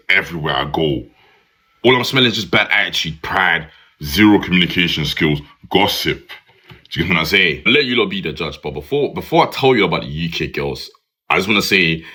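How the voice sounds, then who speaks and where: A young British man telling dating stories to camera in a casual, animated way, ending his lines with "bro". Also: very deep voice, slightly rough. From United Kingdom.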